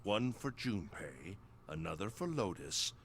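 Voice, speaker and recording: An actor playing a gloating, sadistic slasher killer in a video game, coldly polite and formal. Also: male voice, low voice, sing-song, a little slow, slight background noise, exaggerated voice. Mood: taunting. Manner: slasher killer relishing his words, formal and menacing. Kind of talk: dramatic video game voice acting. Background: game music.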